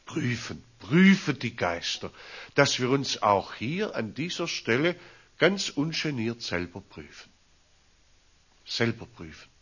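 A man, a pastor preaching a storytelling sermon in a slow, deliberate way. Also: medium pitch, slightly rough. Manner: slow, deliberate, animated rises and drops. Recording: dull lo-fi recording.

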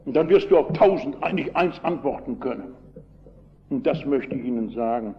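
An older male pastor preaching a sermon with emphatic storytelling, moving between loud and quiet delivery. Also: mid-range voice, expressive, moderate pace, lo-fi sound.

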